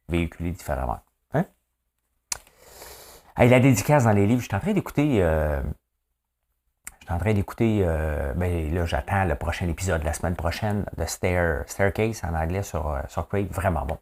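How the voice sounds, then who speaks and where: A middle-aged man with a Quebec French accent and a somewhat low voice delivers a casual morning news monologue. He is a chatty farmer who speaks his mind and keeps checking in with the listener. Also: animated, moderate pace, darkish tone. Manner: chatty, rhetorical, keeps asking "hein?". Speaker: podcast host and farmer.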